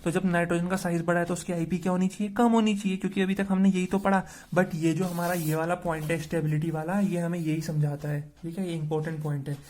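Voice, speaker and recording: Guy teaching chemistry, soft dark tone, keeps asking then answering himself. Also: a little high. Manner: repeats questions and answers them himself. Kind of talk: explaining a chemistry lesson.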